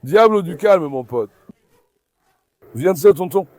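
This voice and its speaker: A man hosting a dog vlog, giving running commentary to viewers and repeatedly calming his dogs with soothing commands. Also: sits high, measured pace, no room sound. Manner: talks directly to viewers as friends. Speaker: dog owner and channel host.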